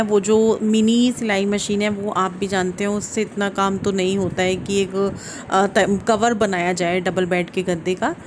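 Chatty woman vlogger, slightly high voice. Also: darkish tone, slight background noise. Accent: Uttarakhand Hindi. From India. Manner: chatty, explaining at length, restarts mid-sentence. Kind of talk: casual vlog voice-over.

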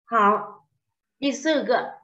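A woman lecturing a translation class in a bright, crisp, somewhat high voice. She quizzes her students and explains grammar, dropping foreign terms into her speech. The recording sounds dull and lo-fi. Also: slow pace. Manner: questioning students, explaining terms with Chinese words mixed in. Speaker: teacher of Chinese translation.

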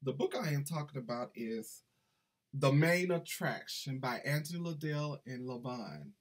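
A man's voice: mid-range voice, lively intonation, a little slow. A middle-aged man chatting enthusiastically through a casual book review vlog, recorded at his desk on a webcam in a small room. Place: small indoor room with banners.

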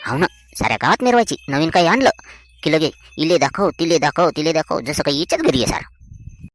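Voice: medium pitch, expressive, a little fast, lightly acted. An actor voicing a chatty village woman neighbour. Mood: scornful. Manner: chatty, scornful gossip. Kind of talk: cartoon voice acting.

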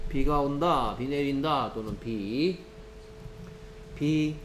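A man's voice: medium pitch, takes it slowly, soft background music. A man tutoring phonics one-on-one, patiently drilling sounds and explaining each step. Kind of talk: repeat-after-me phonics drill. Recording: echoey room with steady hum.

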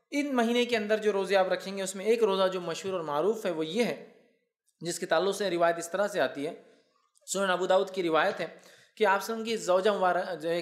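A man giving a religious lecture, reciting Arabic phrases slowly and explaining them, often asking and answering his own questions. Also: high voice. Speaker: Islamic preacher.

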